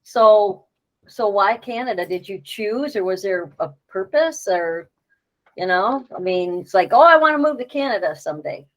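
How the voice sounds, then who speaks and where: A woman hosting a casual radio interview, upbeat and quick with enthusiastic interjections. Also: medium pitch, animated, low-quality recording. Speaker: radio show host.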